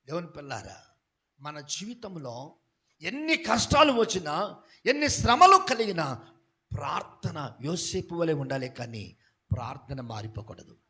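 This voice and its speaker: A male pastor preaching a sermon, asking the congregation questions and swinging from quiet talk to shouted passages. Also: on the high side, very animated, unhurried, long pauses. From India.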